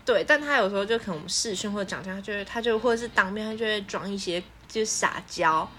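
A woman's voice: mid-range voice, fast, sharp tone, a little hiss or hum. A woman co-hosting a podcast in casual chat who talks with force. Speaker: podcast co-host. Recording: music playing underneath.

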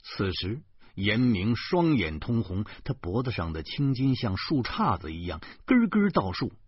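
A man reading a serialized novel aloud with lively storytelling. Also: on the low side, a little slow, husky, no room sound, dull audio. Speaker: audiobook reader.

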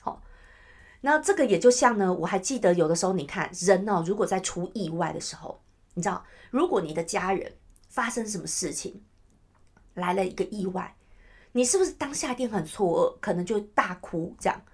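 A woman's voice: medium pitch, lively intonation, a little fast, slightly rough. A woman hosting her own podcast, talking casually and chattily to listeners and often asking "you know?". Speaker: podcast host. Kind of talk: casual solo podcast talk.

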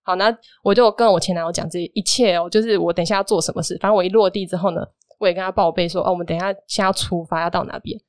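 Fast-talking woman telling a story. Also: fairly low pitch, no echo, clean studio sound. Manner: lively storytelling, animated retelling of dialogue. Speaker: guest telling a personal story. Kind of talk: casual podcast chat.

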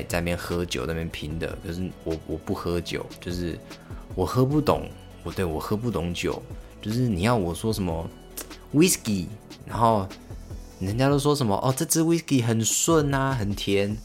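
A young man with a Taiwanese Mandarin accent, hosting a casual solo podcast and telling stories in a halting way, with many fillers and restarts. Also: low-pitched, soft background music. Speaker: podcast host.

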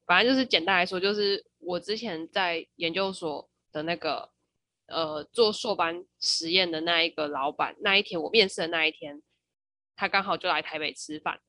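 A woman's voice: lowish voice, normal speed, no room sound, clean studio sound. A woman co-hosting a casual podcast, telling stories with frequent laughter. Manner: lively storyteller, laughs often. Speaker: podcast co-host. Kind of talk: casual chat.

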